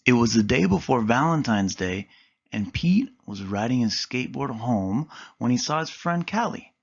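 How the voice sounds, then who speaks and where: A man reading a children's picture book aloud with expressive storytelling. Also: medium pitch, moderate pace, vocal fry, husky, dull audio.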